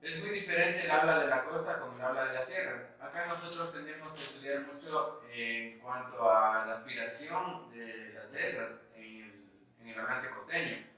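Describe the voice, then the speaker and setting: Ecuadorian teacher lecturing in an echoey room. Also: male voice, mid-range voice, moderate pace, few pauses, sharp tone, recorded from a distance, a little hiss or hum. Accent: Ecuadorian highland Spanish. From Ecuadorian highlands. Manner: explains step by step, often checking with "¿sí?". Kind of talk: recorded class lecture.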